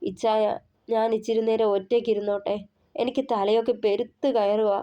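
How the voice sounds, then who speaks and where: A woman's voice: on the high side, flat delivery, moderate pace, highs cut off, natural voice. Woman voicing a tearful young woman. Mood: pleading. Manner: tearful, pleading.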